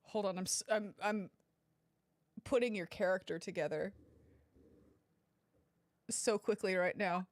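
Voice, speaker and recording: A woman's voice: mid-range voice, fairly even intonation, a little slow, long pauses. A woman streamer commenting casually on a video game, giddy, crude and self-mocking, with rambling restarts. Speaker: gaming streamer. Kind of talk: casual let's-play commentary. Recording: game music underneath.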